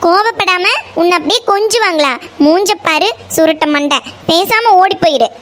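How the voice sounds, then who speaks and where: A woman voicing a sharp-tongued, hot-tempered young village girl in a cartoon, speaking with a Coimbatore Tamil accent and scolding with a string of insults. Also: very high-pitched, normal speed. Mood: furious. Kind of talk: cartoon voice acting.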